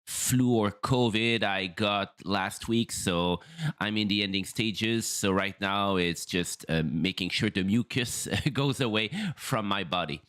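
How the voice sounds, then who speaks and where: A French-native man streams casually as a first-time race commentator, his speech halting with lots of fillers and restarts. His voice is on the low side, a bit bright, clear and resonant, though his throat is still rough after the flu.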